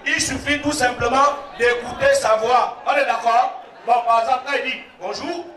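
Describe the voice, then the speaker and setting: A man's voice: very high voice, fairly even intonation, moderate pace, bright, forceful tone. A man from Cameroon with a Cameroonian French accent, working as a wedding MC and joking with the crowd and calling for applause. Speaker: wedding MC and comedian. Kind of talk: stand-up comedy at a wedding. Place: wedding reception hall. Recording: roomy hall from far off, noisy crowd.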